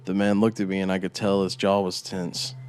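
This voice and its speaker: Low-voiced man narrating a horror tale. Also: little pitch movement, brisk, a little hiss or hum. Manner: dramatic, shifting between hushed menace and eager swells. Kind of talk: scripted horror story narration.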